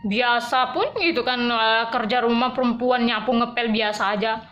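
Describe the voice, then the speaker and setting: A woman vlogger casually telling a personal story to camera in slangy, animated speech, with quick swings in emotion. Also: a little high, lo-fi sound.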